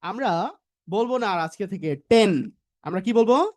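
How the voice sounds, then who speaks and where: A woman's voice: medium pitch, lively intonation, darkish tone. A woman from Bangladesh leads a live online pronunciation class. She drills each word over and over in a voice that swoops up and down, and she drops English phrases into her explanations. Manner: drills words by repeating them slowly, coaxing learners.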